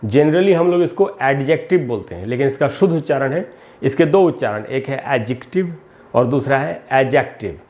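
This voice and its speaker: A man with a voice a little higher than most men's teaches English grammar in Hindi. He takes each term slowly, repeats it, and keeps calling his viewers friends. He speaks into a close mic with no room sound. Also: darkish tone.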